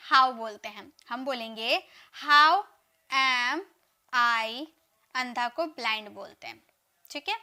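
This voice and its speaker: A woman teaching a live spoken English class, urging students to answer fast and saying English sentences slowly. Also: sits high, sharp tone. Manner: drills sentences, urges students to answer quickly; says English model sentences slowly and deliberately.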